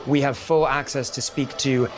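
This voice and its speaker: A man narrating a documentary and interviewing, with calm, probing, measured questions. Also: mid-range voice, music in the background.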